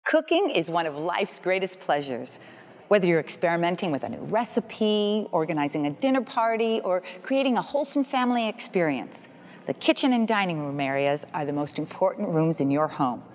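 Lively female TV host. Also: on the low side, moderate pace, slight background noise. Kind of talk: scripted TV hosting.

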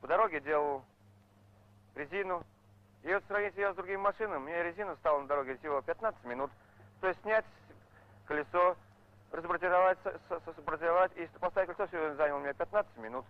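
Higher-voiced male long-haul driver. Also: fast. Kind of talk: interview testimonial. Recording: muffled old film soundtrack.

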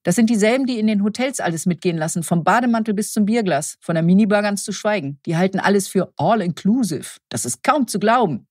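A woman's voice: medium pitch, animated, fast talker, hardly any pauses, a little mellow, no echo, studio quality, lightly acted. A woman voicing an indignant gossiping nurse. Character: adult female nurse, indignant and talkative.

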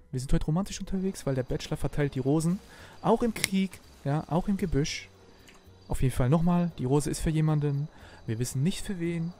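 A young man streaming a roleplay game, talking in a foul-mouthed, excitable, slangy way into a desk microphone. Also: on the high side, slight background noise. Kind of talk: live gaming stream with in-character roleplay. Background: music playing under the voice.

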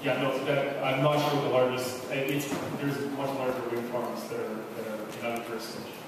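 A man, an official, answering questions at a public meeting in a measured, explanatory way. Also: medium pitch, little pitch movement. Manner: measured, repeats phrases while explaining. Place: large wooden community hall, indoors. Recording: echoey hall, distant mic, noisy.

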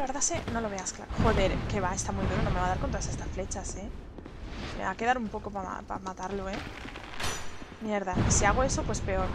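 A young woman with an accent from Spain, commentating her gameplay live and breaking into loud shrieks when startled. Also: mid-range voice, heavy background noise. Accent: Spain Spanish. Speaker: game streamer.

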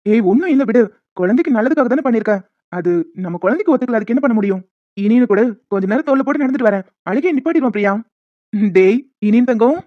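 A woman voicing the husbands, brothers and a doctor in an animated family story, with brisk, reassuring delivery. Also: fairly high pitch, no room sound, close to an everyday voice. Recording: dry, dull lo-fi home mic.

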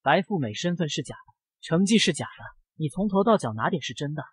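A composed young woman, sharp-tongued and unshaken, voiced by a male narrator. The delivery is cool and mocking in a husky voice, recorded close. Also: fairly high pitch, lively intonation, fairly quick, dry recording. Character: cool-headed reborn young businesswoman.

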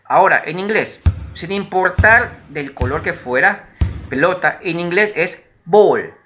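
A woman's voice: lowish voice, animated, unhurried, over music. A woman teacher giving a recorded lesson to young children, chatty and patient, asking questions and having them repeat words after her.

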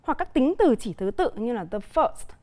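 A woman teacher with a Vietnamese accent, explaining a televised English grammar lesson clearly and deliberately with examples. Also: a little high, big pitch swings, darkish tone.

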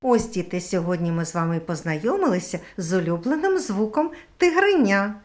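A middle-aged woman teaching young children how to say a speech sound, slow and exaggerated like a kindergarten teacher. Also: lowish voice, animated, a little mellow.

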